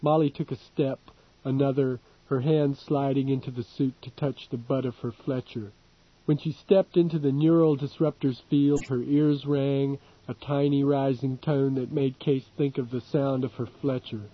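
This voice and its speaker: A man's voice: medium pitch, flat delivery, moderate pace. Man narrating an audiobook, lo-fi. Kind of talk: scripted narration. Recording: dull lo-fi recording.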